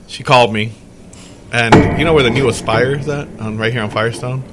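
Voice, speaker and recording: A podcast host with a mid-range voice tells a rambling story in casual chat, speaking a little fast and acting out the dialogue with animation. Background noise can be heard.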